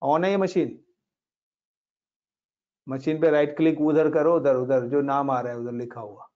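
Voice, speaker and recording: A man's voice: medium pitch, fairly even intonation, a little slow. A man teaching a casual Linux class, talking students through each step and mixing in English words. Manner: chatty, talks students through steps, mixes in English words. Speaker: Linux instructor. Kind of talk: casual screen-share class explaining commands. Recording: dull lo-fi recording.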